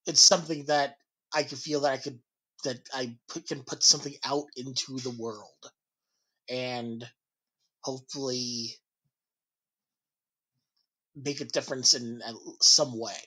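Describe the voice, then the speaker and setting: A man's voice: medium pitch, fairly even intonation, a little slow, long pauses, pushed and bright, breathy edge, low-quality recording. A man from New Jersey in a casual podcast chat, talking hesitantly, doubting himself and laughing often. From New Jersey, USA. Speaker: podcast host being interviewed.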